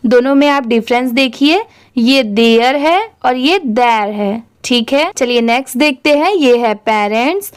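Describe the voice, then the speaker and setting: A young woman teaching English reading, spelling each word out letter by letter slowly and clearly. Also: high voice.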